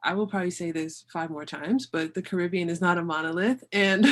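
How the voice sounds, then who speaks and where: Emphatic woman host, slightly low voice. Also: moderate pace, a bit bright. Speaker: podcast host, interviewer. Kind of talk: conversational interview.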